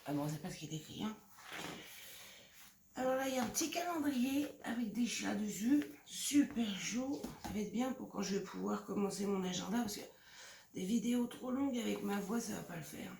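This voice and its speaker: A woman's voice: mid-range voice, expressive, a little fast, gravelly. A woman showing off scrapbooking paper pads in a casual vlog, gushing and sometimes dropping to a whisper. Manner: gushing, lots of "franchement" and "regardez-moi ça". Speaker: scrapbooking vlogger. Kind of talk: casual show-and-tell. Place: home craft room. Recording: echoey room from a distance, noisy.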